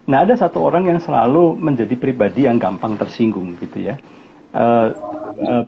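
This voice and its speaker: A man speaking as a guest on a casual live talk, animated, putting on other people's voices in quoted lines and chuckling often. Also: medium pitch, moderate pace, gravelly, lo-fi sound, a little hiss or hum. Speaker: guest speaker on family life.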